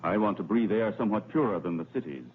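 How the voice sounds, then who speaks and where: An actor playing a proud, rebellious Roman senator, speaking formally like an orator in a dubbed historical film. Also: male voice, fairly low pitch, fast talker, lightly acted. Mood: grave counsel. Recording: tinny narrow-band old film soundtrack, noisy.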